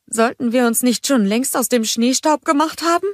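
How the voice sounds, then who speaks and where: A woman's voice: high voice, moderate pace, dry recording, clean studio sound, voice pushed up, natural voice. A woman voicing a practical young man who sells ice, in a storybook reading. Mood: worried.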